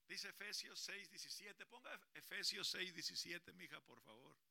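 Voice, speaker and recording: A man preaching as a pastor at a church service, animated and calling on the children and congregation to repeat after him. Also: high-pitched, moderate pace, gravelly, dry recording. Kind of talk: lively bilingual sermon to a congregation.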